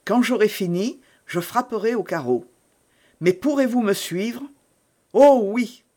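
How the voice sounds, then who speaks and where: An earnest young rescuer, voiced by a man reading aloud, speaking with hushed urgency and devout conviction. The voice sits a little high and moves slowly. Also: animated. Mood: urgent.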